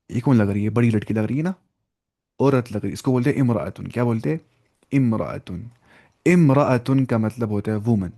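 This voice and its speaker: A man teaching an online Arabic lesson, saying each word slowly and repeating it with patient explanations. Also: mid-range voice, darkish tone.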